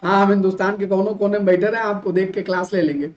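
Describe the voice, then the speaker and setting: A male teacher from Uttar Pradesh giving an animated classroom lecture, full of rhetorical questions and mock imitations of students. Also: sits high, quick pace, muffled recording. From Uttar Pradesh, India.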